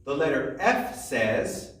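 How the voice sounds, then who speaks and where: Animated man teaching letter sounds. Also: mid-range voice, slow pace, distant mic. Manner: animated, sing-song, stretching letter sounds. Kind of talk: children's phonics lesson. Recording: echoey room, voice from the mic.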